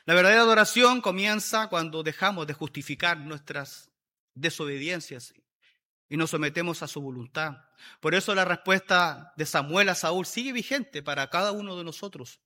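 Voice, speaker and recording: Sharp, high-voiced male preacher. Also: normal speed. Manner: emphatic, repeats key phrases. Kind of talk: sermon.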